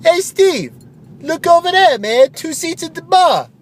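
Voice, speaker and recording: A man voicing an excitable barfly in a spoof radio ad who talks loud, high and shouting. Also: a little slow, full character voice. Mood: excited. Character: excitable, shouting male barfly pushing a doctor.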